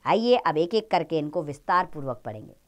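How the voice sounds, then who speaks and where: A woman teaching children a grammar lesson, speaking in an expressive, explaining tone. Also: brisk. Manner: expressive, rises and falls in pitch.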